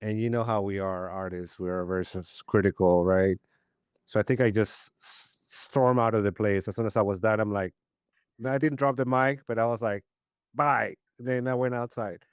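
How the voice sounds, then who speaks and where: The guest is a poet from Peru in his 50s whose native language is Spanish; he speaks at a moderate pace in a deep, smooth voice. It's a casual storytelling interview, and he rambles with lively energy and frequent restarts. The recording is dry and studio quality.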